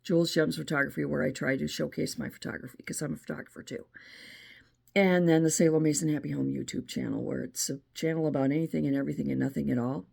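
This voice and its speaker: A woman's voice: deep voice, fairly even intonation, quick pace, creaky, warm tone, slightly rough. A middle-aged American woman hosting her own channel, talking in a chatty, opinionated monologue with frequent restarts. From United States. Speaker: channel host. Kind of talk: casual monologue.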